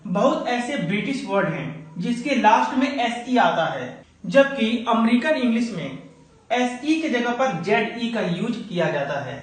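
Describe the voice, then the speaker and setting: Male teacher, high-pitched, patient explainer, heavy echo. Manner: addresses viewers as friends, steady explaining. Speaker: English teacher. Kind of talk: explanatory video lesson. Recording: very echoey room.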